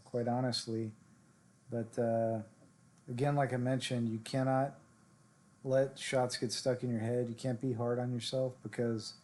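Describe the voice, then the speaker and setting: Chatty male game streamer. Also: mid-range voice. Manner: chatty, answers viewer chat directly; relaxed, self-coaching talk with fillers. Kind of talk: casual live-stream gameplay commentary.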